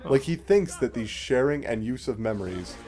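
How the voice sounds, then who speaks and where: A let's-play host narrates his game playthrough in a casual, explanatory way, with a wry manner of speaking. His mid-range voice has lively intonation, a warm tone, and a normal pace, with game music playing behind him.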